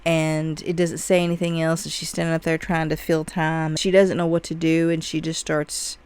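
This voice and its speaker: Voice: medium pitch, little pitch movement, normal speed, clean tone. A movie reviewer giving a casual, chatty spoiler recap of a film, full of "like" and "you know".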